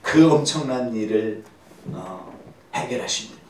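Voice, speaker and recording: A man's voice: fairly low pitch, animated, a little slow, darkish tone, a little hiss or hum. A male pastor leading a Bible seminar sermon. He stresses and repeats key words and prompts the congregation to answer back. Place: church. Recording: distant echoey church recording.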